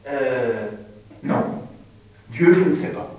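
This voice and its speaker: Slow halting man in an echoey room. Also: medium pitch, expressive, a little mellow, dull audio. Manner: slow, halting, explains patiently with many fillers. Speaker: religious teacher. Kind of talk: informal bible teaching to a group. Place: indoor room with listeners. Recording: very echoey room, mic far off.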